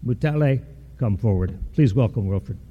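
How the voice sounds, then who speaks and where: A man serving as college dean, reading scripture in a measured, formal way and then introducing a speaker. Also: mid-range voice, lively intonation, a little hiss or hum. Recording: dull lo-fi sound.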